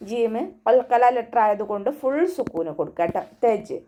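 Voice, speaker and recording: A woman with a Malayali accent teaching Quran recitation online, explaining pronunciation rules patiently and then chanting verses slowly to model them. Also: on the high side, dark tone. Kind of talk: tajweed lesson with chanted recitation.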